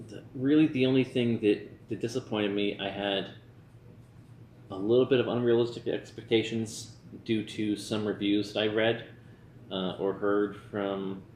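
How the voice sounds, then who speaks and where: A man with a lowish voice chats loosely as a tipsy movie reviewer. He rambles casually in an echoey room, with clear noise behind him. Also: fairly even intonation, measured pace, pauses often, a little mellow. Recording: roomy echo with background noise.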